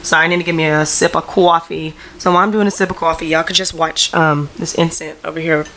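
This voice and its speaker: Bright, rambling young woman podcaster. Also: sits low, steady tone, fast, a little hiss or hum. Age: young adult. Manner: rambling and chatty, heavy on "like" and slang. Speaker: podcast host. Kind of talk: casual solo podcast chat. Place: at home in front of a camera.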